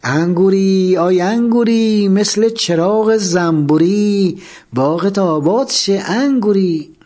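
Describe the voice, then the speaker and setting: A man voicing a male street fruit seller calling out his wares in long drawn-out cries. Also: sits high, darkish tone, pitched above the performer's own voice, lightly acted. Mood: hawking. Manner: drawn-out street hawking calls.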